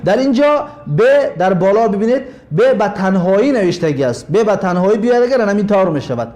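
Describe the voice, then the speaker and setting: A man with a Tajik Persian accent teaching a language lesson, explaining slowly, repeating points and spelling words out. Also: high voice, expressive, darkish tone.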